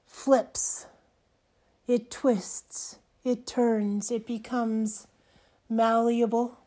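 An older woman with a hoarse, nearly gone voice, hosting a personal podcast in short, halting, reflective phrases. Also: on the high side, warm tone. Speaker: podcast host.

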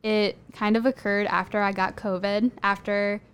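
Young woman guest chatting on a podcast, smooth clear voice, says like a lot. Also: mid-range voice, level tone, moderate pace. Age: young adult. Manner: chatty, many "like" fillers, light laughs. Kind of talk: casual chat.

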